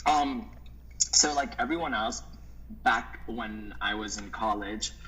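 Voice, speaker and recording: A man from the Dominican Republic, a modeling agent, telling stories in a relaxed, casual interview with many "like" fillers. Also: fairly low pitch, slow pace, slight background noise, low-quality recording. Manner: relaxed storytelling, frequent "like" fillers.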